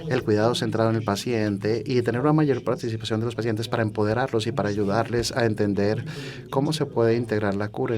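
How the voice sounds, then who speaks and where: A man with a fairly low voice interprets a conference talk. His delivery is measured, coming in halting phrases with occasional self-corrections. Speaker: simultaneous interpreter.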